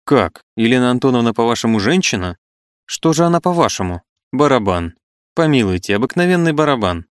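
A man's voice: medium pitch, sing-song, brisk, clear, resonant tone, no room sound, pitched above the performer's own voice, natural voice. A man reading the part of an irritable older male cynic, mocking and exclamatory.

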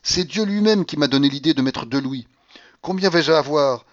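A man reading a novel aloud, voicing an imperious, feverish old grandmother at the roulette table in a shrill, commanding voice. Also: moderate pace, lo-fi sound, natural voice.

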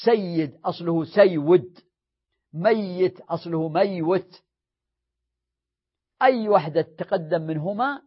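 Sheikh teaching grammar, kinda high voice, chants the forms then explains, dull old recording. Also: male voice. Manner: recites paradigms in a sing-song drill, then explains in a lower voice; corrects himself mid-sentence. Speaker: sheikh teaching Arabic morphology. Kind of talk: classroom grammar lesson.

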